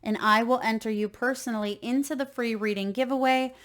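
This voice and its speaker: A woman giving a tarot reading in a slow, soothing, gently encouraging way, then leading a short guided meditation. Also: a little high, fairly even intonation. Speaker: tarot reader.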